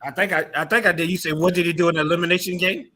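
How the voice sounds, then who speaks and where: A man's voice: sits high, steady tone, racing, pushed and bright. A man joining a heated sports debate over a choppy, lagging video call, asking whether he can be heard. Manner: asks others to repeat over a broken connection. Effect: choppy, lagging video-call audio. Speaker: remote panelist.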